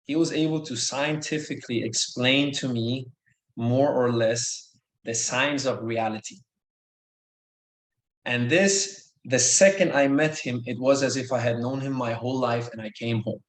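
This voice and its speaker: A Norwegian man in his thirties tells his story as a podcast guest, earnest and enthusiastic, often repeating himself. His mid-range voice moves a little slowly. The casual storytelling was recorded in an echoey room.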